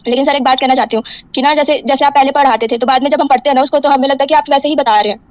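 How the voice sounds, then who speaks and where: A woman's voice: sits high, steady tone, rapid-fire, dry recording. A woman student speaking up in an online class, hesitant and pleading.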